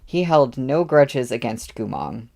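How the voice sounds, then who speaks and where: A man's voice: medium pitch, expressive, measured pace, gravelly, a little mellow. A man reading a novel aloud as narrator, with offhand asides between passages. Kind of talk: audiobook readalong.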